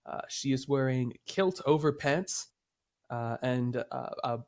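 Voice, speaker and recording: Game master man, measured and hesitant. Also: medium pitch. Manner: measured, frequent "uh" pauses while describing. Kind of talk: narrating a tabletop game over voice chat.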